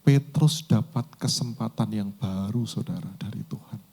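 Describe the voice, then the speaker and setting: A man's voice: on the low side, moderate pace, creaky, mellow. A man preaching a sermon. He tells a story vividly and addresses the congregation directly. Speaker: pastor.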